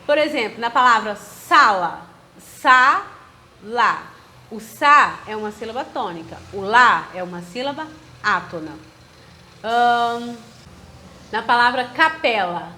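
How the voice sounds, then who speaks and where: A woman's voice: a little high, pushed and bright. A woman with a Brazilian Portuguese accent teaching a grammar lesson, asking questions and answering them herself, spelling words out syllable by syllable.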